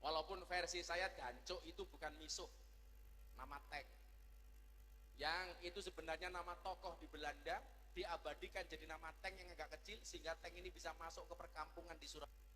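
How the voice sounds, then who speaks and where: A man's voice: on the high side, steady tone, fairly quick, pushed and bright, long reverb tail, a little hiss or hum. A middle-aged man preaching a humorous sermon, joking and mimicking regional dialects.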